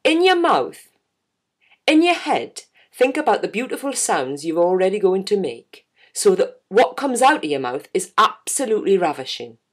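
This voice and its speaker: A woman playing a male conductor with a gentle Geordie lilt, coaxing singers along in a high, lifted voice. He sounds louder than the narration around him, urging and sure of himself. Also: sing-song, moderate pace. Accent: Geordie, put on.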